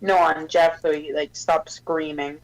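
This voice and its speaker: A player in a tabletop game, making brief, quick interjections and stating actions. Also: medium pitch, level tone, low-quality recording.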